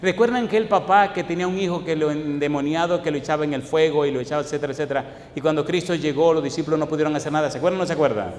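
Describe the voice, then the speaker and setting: A man's voice: a little high, rapid-fire, hardly any pauses, a little mellow. A man preaching in an echoey hall. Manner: preaching with repeated rhetorical questions to the congregation; storytelling from his own life. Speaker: pastor. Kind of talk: sermon. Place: church hall. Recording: echoey hall, faint background noise.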